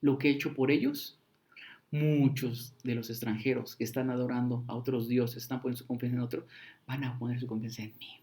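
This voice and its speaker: Animated preacher, man. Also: medium pitch, fairly quick. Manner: animated, acts out crowd voices with slang. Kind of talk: sermon.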